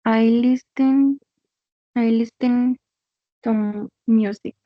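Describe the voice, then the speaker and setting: A woman student on a video call, reading English aloud hesitantly and haltingly. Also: a little high, steady tone, dry recording, muffled recording.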